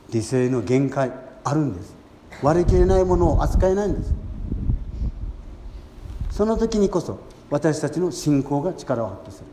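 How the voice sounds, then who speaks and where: Earnest priest in an echoey church. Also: male voice, a little high, a little hiss or hum. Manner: gentle, earnest preaching with long pauses. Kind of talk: sermon at Mass. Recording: echoey church hall with faint ambience.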